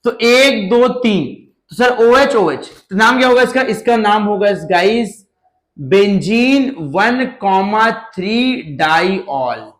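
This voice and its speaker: A male chemistry teacher giving a lively lecture, asking his students questions and answering them himself, with jokes along the way. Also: sits high, slow, echoey room, low-quality recording.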